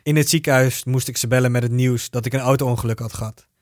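A man reading a first-person story aloud in a steady, even narrating voice. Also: medium pitch, fast, dry recording, clean studio sound.

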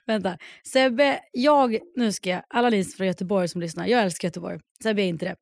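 A woman in her thirties from Södermanland, co-hosting a podcast in lively, teasing casual chat on a close mic. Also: medium pitch, creaky, no room sound. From Södermanland, Sweden. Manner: lively, teasing, laughs often. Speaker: podcast co-host.

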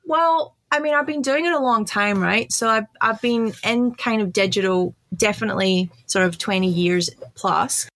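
A woman's voice: medium pitch, moderate pace, hardly any pauses, fairly bright tone, no room sound. A middle-aged woman from Scotland with a Scottish accent, chatting upbeat as an interview guest and laughing often. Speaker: guest, chief digital officer. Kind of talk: casual interview chat.

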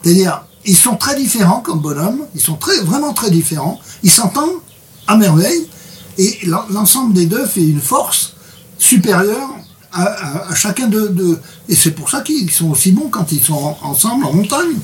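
A man's voice: high voice, sing-song, moderate pace. Hesitant man, a bit distant from the mic. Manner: hesitant, repeats words. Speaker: translator presenting a book. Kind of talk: casual interview chat with read excerpt.

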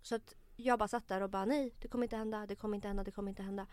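A woman's voice: mid-range voice, fairly even intonation, darkish tone, clear, resonant tone. A woman co-hosting a casual podcast chat, telling a story with animation, acting out the dialogue and swearing often. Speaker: podcast co-host.

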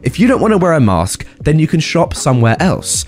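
A man's voice: a little high, big pitch swings, faint music behind. A man voicing a composed store manager who speaks formally and firmly. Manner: formal, measured, firm. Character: composed male store manager, firm and professional.

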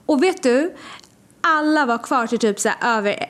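A young woman from Sweden, co-hosting a podcast, telling stories in casual chat and acting out what people said. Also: high voice. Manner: lively storyteller, acts out quotes. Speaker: podcast co-host.

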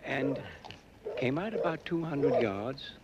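Older male storyteller, lively lilt, very noisy old tape. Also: mid-range voice, slow pace, lo-fi sound. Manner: rambling storyteller, lively rises and drops. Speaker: retired huntsman. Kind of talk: reminiscing.

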